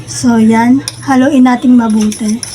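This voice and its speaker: A woman's voice: fairly high pitch, fairly even intonation, unhurried, warm tone, slight background noise. A Filipino woman vlogger chatting casually to her viewers as she films a food challenge. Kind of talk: casual vlog talk to viewers.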